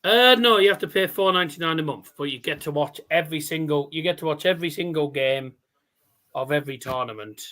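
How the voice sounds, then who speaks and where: A man's voice: on the high side, fast talker, pushed and bright. A man giving casual live darts commentary as a stream host, chatty and rambling, with scores called out like a darts caller.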